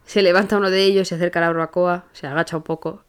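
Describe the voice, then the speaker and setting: A young woman with a Spain Spanish accent hosts her own podcast, speaking in a slightly low voice. She tells anecdotes in an animated, chatty way, stumbling and restarting as she goes. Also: clean tone. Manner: animated, rushes and restarts while telling an anecdote. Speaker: podcast host. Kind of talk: casual storytelling monologue.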